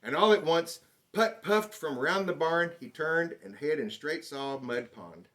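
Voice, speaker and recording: A man reads a children's picture book aloud, storytelling in an expressive, dramatic way. His pitch is fairly high and his pace measured.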